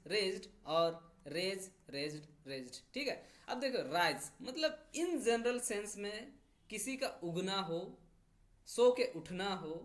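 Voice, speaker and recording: A man teaching an English grammar lesson, explaining step by step, reading example sentences slowly and checking in after each point. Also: sits high.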